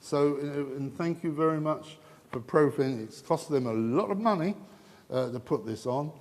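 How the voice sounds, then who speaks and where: A man's voice: on the high side, normal speed. A man moderating a conference panel, wrapping up with rambling, chatty remarks that often restart mid-sentence. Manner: rambling, chatty, self-interrupting. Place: conference hall. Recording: long hall reverb.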